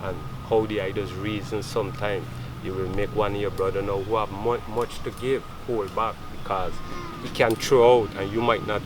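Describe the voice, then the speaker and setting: Jamaican guy talking rasta patois, lowish voice, casual reasoning, pretty noisy street behind him. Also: little pitch movement, normal speed. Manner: Rasta patois speech with recurring check-in phrases. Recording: noisy, vehicle and outdoor street noise.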